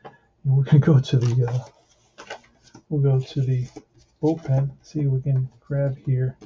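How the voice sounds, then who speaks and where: Mellow man commentating a tabletop game. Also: mid-range voice, flat delivery, a little slow. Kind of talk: casual play-by-play commentary, thinking aloud. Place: indoors at a tabletop. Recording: muffled lo-fi, faint noise with clicks.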